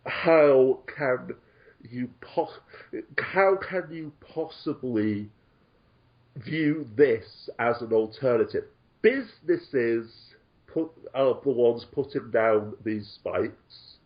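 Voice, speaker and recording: A man's voice: medium pitch, expressive, slow, highs cut off. A man talking on an online show, sarcastic and indignant, swearing freely as he rants. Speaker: guest commentator. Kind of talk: casual online talk show discussion.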